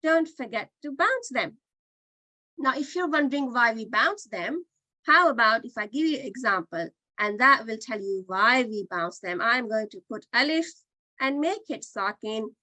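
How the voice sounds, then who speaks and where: A woman's voice: on the high side, lively intonation, moderate pace, bright, forceful tone, no room sound, rough recording. A woman teaching a Qur'an reading class online, patiently explaining and sounding out letters again and again. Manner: patient, demonstrates sounds by repeating them.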